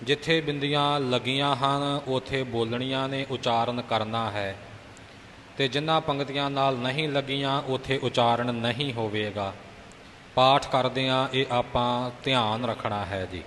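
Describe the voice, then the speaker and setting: A man teaching careful pronunciation of scripture, explaining slowly and patiently. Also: medium pitch, fairly even intonation, fairly bright tone, big-room sound, slight background noise. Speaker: recitation teacher. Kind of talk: pronunciation instruction.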